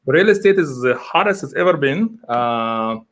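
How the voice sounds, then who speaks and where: Speaking at a normal pace, a man with an expressive, mid-range, slightly bright voice rambles through a live video-call interview. He's a real estate agent from Egypt, correcting himself with plenty of enthusiasm.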